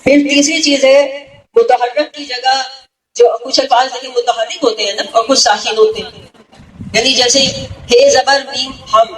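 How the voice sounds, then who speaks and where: A woman's voice: high voice, steady tone. A woman religious speaker teaching a gathering, explaining step by step and often checking that listeners follow. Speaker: female religious speaker (zakira). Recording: echoey hall, distant mic, faint noise.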